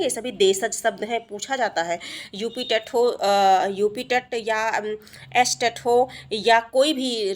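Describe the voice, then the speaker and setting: A woman with a fairly high voice runs an exam-prep grammar lesson. She explains patiently, repeating each point and pausing on fillers. She often poses a question to her students and answers it herself. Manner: asks the class questions and answers them herself. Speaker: teacher.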